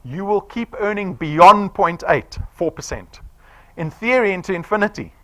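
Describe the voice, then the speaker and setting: A man in his forties gives a persuasive sales presentation to a live audience, his high-pitched voice at normal speed. He's animated and keeps quizzing the room with "right?"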